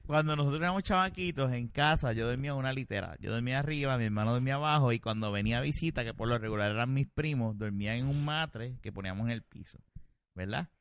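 A man, telling a story on a casual podcast, animated, swearing freely and laughing often. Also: medium pitch, fast, clear, resonant tone, dry recording.

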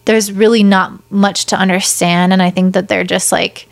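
A woman's voice: mid-range voice, little pitch movement, normal speed, gravelly. A woman co-hosting a podcast, talking thoughtfully and hedging with "like" and "I feel like". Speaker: podcast co-host. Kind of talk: casual podcast chat.

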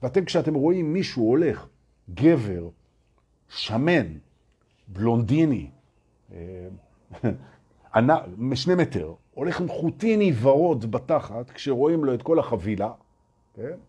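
A man with a very husky, breathy voice delivers a spiritual talk to his audience. His pitch swings up and down as he presses his points. He repeats phrases for emphasis and keeps challenging listeners with questions. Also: big pitch swings, pauses often, warm tone. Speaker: spiritual teacher addressing an audience.

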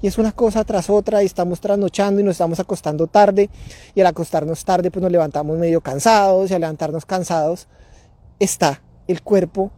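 A man's voice: high-pitched, mellow, dry recording. A man speaking outdoors in a neighborhood, hosting a parenting talk in a casual, reflective way, often repeating and restarting his words. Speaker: parenting podcast host.

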